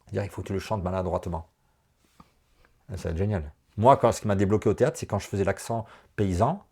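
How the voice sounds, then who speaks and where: Husky guy coaching a client, low voice, upbeat and pushy in a friendly way. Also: fast talker. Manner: animated, encouraging, talks in bursts. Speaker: enneagram coach. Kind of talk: coaching session.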